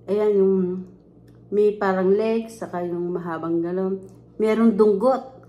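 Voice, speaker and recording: A woman's voice: mid-range voice, steady tone, takes it slowly, muffled recording. A Filipino woman hosts a casual eating show in a mid-range voice. She talks while chewing, chatting informally to viewers as she goes through her meal. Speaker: mukbang host.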